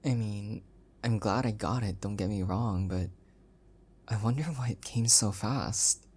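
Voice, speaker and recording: Low, husky, and unhurried, a man portrays a self-deprecating, adorkable young husband in a private one-sided audio roleplay. He speaks softly and hesitantly with affection, coming across as bashful and unsure.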